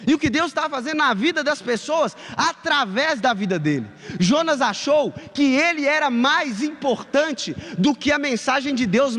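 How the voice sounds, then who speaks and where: A male pastor tells a story from the pulpit, calling out to the congregation. His voice sits high for a man, and it rings with long reverb through the church hall. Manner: animated storytelling, addresses the congregation. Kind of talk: sermon.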